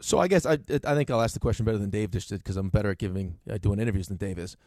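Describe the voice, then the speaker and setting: A man co-hosting a sports radio show, ribbing his partner and laughing often in quick, casual banter. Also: on the low side, a little mellow, no echo.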